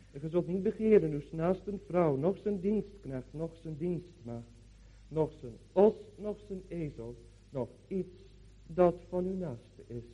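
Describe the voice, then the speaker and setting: Husky pastor, solemn man praying. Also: a little high. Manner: solemn, deliberate phrasing with rhetorical repetition. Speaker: pastor leading a church service. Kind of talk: solemn liturgical reading and public prayer. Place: church during a morning service. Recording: dull, muffled church service recording.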